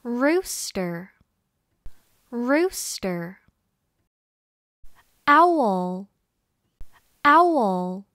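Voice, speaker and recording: A woman leading a slow English read-aloud drill. She says each word or phrase twice, clearly and with exaggerated expression, so learners can repeat after her. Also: on the high side, big pitch swings, fairly bright tone, no echo, clean studio sound. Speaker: English reading teacher.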